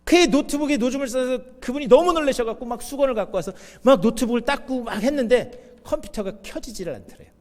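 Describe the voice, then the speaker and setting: A middle-aged man preaching a sermon as pastor, telling stories, acting out the lines he quotes and putting questions to the congregation. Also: high-pitched. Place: church sanctuary. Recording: long hall reverb in a church.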